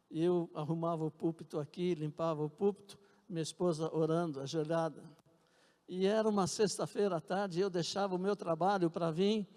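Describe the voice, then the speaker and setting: A Brazilian man preaches in a church sanctuary, earnest and fond of repeating himself as he tells his testimony. His voice sits fairly high yet sounds mellow and soft-edged. A long, lingering church reverb trails after his words. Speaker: pastor. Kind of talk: sermon with personal testimony.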